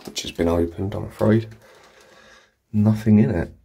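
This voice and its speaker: The Englishman's lowish voice comes across gravelly and unhurried, with a little hiss or hum in the recording. Exploring the vacant house on camera, he shares eager, marvelling asides with his vlog audience.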